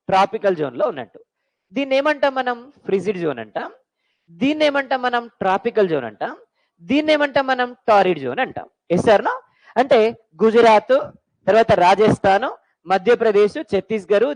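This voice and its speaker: Woman, exam-prep teacher, very animated pitch, call-and-response quizzing, English phrases mixed in. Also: rough recording. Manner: mixes English phrases into Telugu. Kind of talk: classroom lecture for exam prep.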